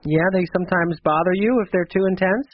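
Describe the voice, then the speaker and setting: A man with a slightly high voice reads charts for callers on a radio call-in show, chatty and reassuring, with a jokey side. The broadcast sound is a bit dull and muffled. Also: steady tone, fast talker. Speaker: radio astrologer host. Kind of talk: call-in astrology readings.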